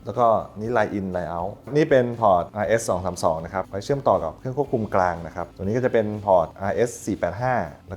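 A man giving a polite, quick product demonstration walkthrough, explaining features step by step. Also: low-pitched, a little mellow.

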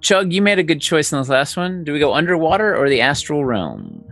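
A man's voice: fairly high pitch, huge pitch swings, brisk, vocal fry, fairly bright tone. A man talking casually in character as a player in a tabletop game. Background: music.

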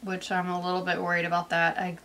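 A woman's voice: fairly low pitch, completely flat delivery, fast, a bit bright, slight background noise. A young woman, out of breath and congested from sinus allergies, rambling chattily through a casual pregnancy update vlog. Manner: chatty and rambling, full of "like" fillers. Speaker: vlogger.

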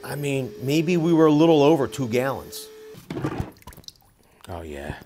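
A man in his forties giving a casual, lively tool review while testing gear in an indoor workshop, talking into a lapel mic. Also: medium pitch, measured pace, a little hiss or hum. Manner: lively, chatty, excited while testing tools.

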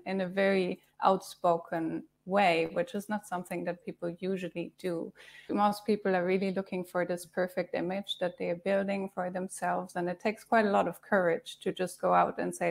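A woman in her thirties hosting a panel discussion over a video call, soft-spoken and halting, with many restarts. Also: on the low side, gravelly. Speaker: host.

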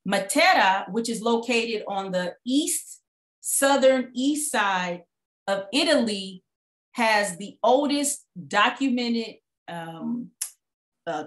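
A woman giving a lively guest talk on a video call, telling stories with laughs and asides. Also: mid-range voice, echoey room. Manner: animated storytelling with laughs and asides. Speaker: guest speaker.

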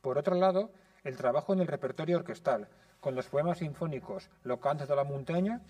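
A man giving a prepared lecture in a conservatory classroom, speaking in a measured, explanatory way. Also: a little high, a little mellow, recorded from a distance.

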